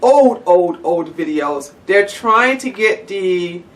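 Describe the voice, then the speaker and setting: A woman's voice: lowish voice, lively intonation, slow, distant mic. A woman vlogger ranting to the camera, blunt and sarcastic, swearing freely. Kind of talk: angry profane rant to camera.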